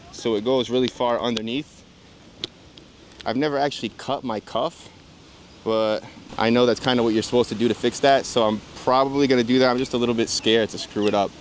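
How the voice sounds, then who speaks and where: A man's voice: mid-range voice, a little hiss or hum. A man talking casually in a skate vlog, cheering himself on and swearing at missed tricks, then catching his breath to give his impressions. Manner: self-encouraging, swears when tricks fail. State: out of breath after skating. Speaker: skate vlogger. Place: outdoors at a skate spot.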